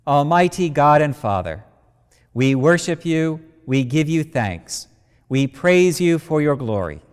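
A man leading worship as a priest, intoning prayers in a slow, measured way, heard with a cathedral echo in a large church. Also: fairly high pitch, clear, resonant tone. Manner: slow, measured intoning with rising and falling phrases. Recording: long cathedral reverb.

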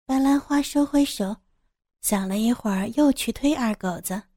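A woman narrating a serialized audio story with a calm, steady, descriptive reading. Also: on the high side, normal speed, dry recording, clean studio sound.

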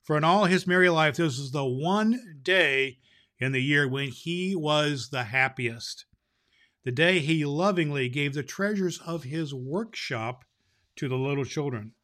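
A man playing a jolly old Santa Claus who hosts a show and reads a Christmas story aloud, with booming ho-ho laughs. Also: unhurried, a bit bright. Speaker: host. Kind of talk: storytelling podcast.

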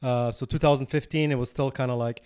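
Man, podcast host, middle pitch, casual interview, short replies, stammering questions. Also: fairly even intonation, fast, a little mellow, smooth.

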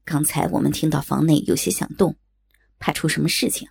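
Fawning male servants of a martial-arts storybook, as a woman reader puts them on, pitched far down into a deep, gravelly register. They speak with a husky, obsequious deference. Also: little pitch movement, brisk, a little mellow, full character voice.

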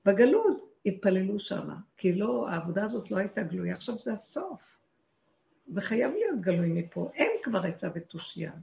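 A woman giving a religious talk to a group, passionate and animated, asking rhetorical questions and shouting out quoted lines. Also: medium pitch, creaky. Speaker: spiritual teacher. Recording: echoey lo-fi room recording.

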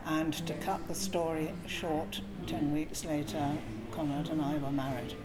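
A woman's voice: low voice, steady tone, unhurried, over loud music. An older woman with a southern English accent, telling her life story conversationally as a podcast guest. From Essex, England. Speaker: podcast guest, former film production worker. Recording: busy crowd chatter behind. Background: crowd noise.

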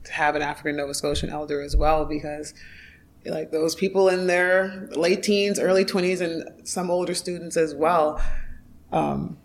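A woman's voice: deep voice, level tone, normal speed. A woman speaking casually and reflectively in conversation, with unscripted phrasing. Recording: clear background noise, ambient sound.

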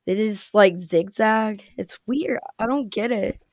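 Woman, chatty guest, mid pitch, close dry mic. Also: takes it slowly, darkish tone, no room sound. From US Midwest. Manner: chatty, laughs often while telling stories. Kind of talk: casual chat.

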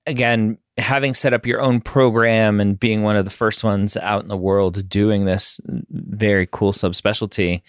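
A man's voice: fairly low pitch, no room sound, clean studio sound. A man hosting an interview, asking a guest questions and giving brief acknowledgements. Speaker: podcast host.

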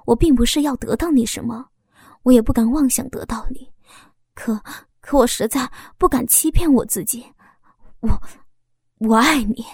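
An earnest young man pours out his feelings, stumbling over his words in urgent bursts, as a woman reader puts him on. The voice sits fairly high and breathy. It is recorded close and dry, with no room sound. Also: normal speed, darkish tone, dry recording. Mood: pleading. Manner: stammering and urgent. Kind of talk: audiobook character voice.

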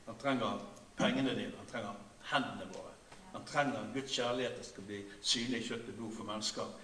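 An older man in his sixties, speaking, delivers a sermon in a chatty, halting way and often drops to a soft, low voice. His tone is bright and forceful. He sounds a little distant from the mic, in a room that echoes, with faint background noise. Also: fairly even intonation. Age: 60s. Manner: conversational preaching with many hesitations, often dropping to a quiet low voice. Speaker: pastor.

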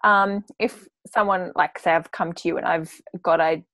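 A woman with a slightly low voice and a very dry, echo-free sound. She speaks as a casual interviewer, informal and agreeable, working out her thoughts aloud. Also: steady tone, moderate pace, a bit bright.

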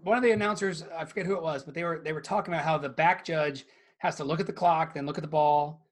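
A man's voice: fairly high pitch, fairly even intonation, quick pace. A man hosting a casual sports podcast, rambling through game recaps with lots of fillers and restarts. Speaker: podcast host.

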